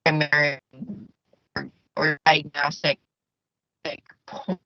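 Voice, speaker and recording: Low-voiced woman on a glitchy breaking-up call. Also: little pitch movement, takes it slowly, pushed and bright, no room sound. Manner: hesitant, with many restarts. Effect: choppy audio cutting out on a weak call connection. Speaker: clinician. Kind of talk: virtual meeting discussion. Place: parked car lot between patient visits. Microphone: video call on a phone or laptop. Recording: dull, choppy video call audio.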